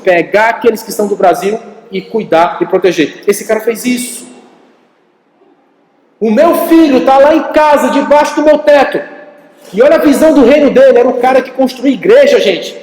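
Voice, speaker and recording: Male pastor, Brazilian accent, high voice, animated sermon delivery, echoey church hall. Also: moderate pace. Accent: Brazilian Portuguese. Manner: animated storytelling preacher, addresses congregation directly.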